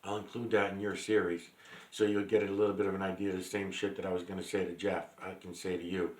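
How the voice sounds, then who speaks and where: A low-voiced man rambling to camera in a loose, meandering monologue. He stops and restarts often, full of fillers, and swears bluntly. His voice rings in a roomy, echoey space. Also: little pitch movement, quick pace, a little mellow. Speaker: vlogger. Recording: roomy echo.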